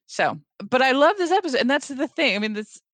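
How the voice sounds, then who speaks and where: A podcast co-host in a casual discussion, talking in an animated, quick way and often acting out quoted lines with a laugh. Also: high voice, dry recording.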